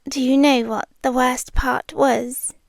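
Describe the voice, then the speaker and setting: Whispering close to a dry mic with no room sound, a British woman voices a bashful monster under the bed who is smitten, in an intimate ASMR monologue. Her high, breathy voice stays level and soft, heavily acted, with slow, hesitant, tender pacing. She sounds shy and confessional.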